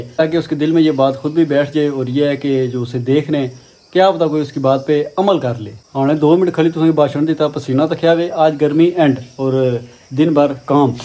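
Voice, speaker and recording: A man's voice: a little high, dark tone. A man talks casually for his vlog while working outdoors on farmland, rambling and leaning on the same filler phrases. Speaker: vlogger. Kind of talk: casual vlog chat while doing garden work.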